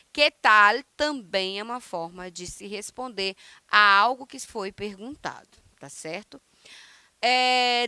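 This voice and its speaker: A Brazilian woman, native Portuguese speaker, teaching a recorded Spanish lesson, who pronounces phrases slowly and emphatically and then adds quick asides, checking in with "né?" and "tá?". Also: fairly high pitch, sharp tone, clear, resonant tone, dry recording. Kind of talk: recorded online language lesson.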